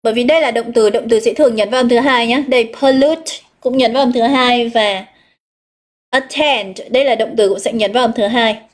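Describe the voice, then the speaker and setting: A woman's voice: on the high side, fairly even intonation. A woman with a Northern Vietnamese accent teaching a live online English exam review, explaining step by step and reading out students' answers. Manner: explains step by step, reads out students' answers, drawn-out key words.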